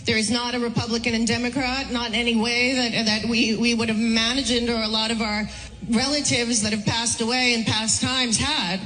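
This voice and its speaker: A woman's voice: fairly high pitch, flat delivery, moderate pace, fairly bright tone, soft background music, rough recording. A woman giving earnest political commentary, speaking fluently.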